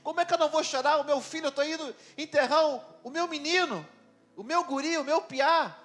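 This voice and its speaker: Preacher doing a grieving mother, high pleading voice. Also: expressive, a little slow, fairly bright tone, faint music behind. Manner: pleading, protesting. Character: grieving widowed mother burying her son.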